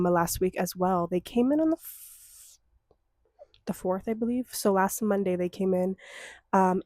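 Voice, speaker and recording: A young woman hosts her own solo podcast, chatting in a loose, rambling way packed with ums and likes. Her medium-pitched voice is a little mellow but slightly congested from a cold, with a lingering cough, heard in clean studio sound with no room sound.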